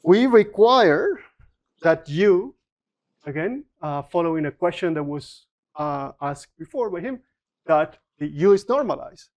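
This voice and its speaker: Lecturer, mid-pitched, explains calculations aloud, halting and self-correcting. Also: lively intonation, darkish tone, dull audio. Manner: explanatory, with frequent restarts and fillers. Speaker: physics lecturer. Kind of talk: university lecture. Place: lecture room.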